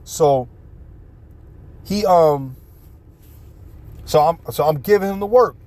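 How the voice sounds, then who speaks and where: A man with a New York City accent telling a personal story in a casual, animated way, full of street slang and swearing. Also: on the high side, takes it slowly.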